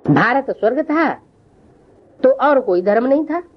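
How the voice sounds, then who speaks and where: A woman's voice: high voice, animated, a little slow, dull audio. Woman teaching a spiritual scripture class. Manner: questioning, teasing listeners. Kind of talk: religious scripture lesson.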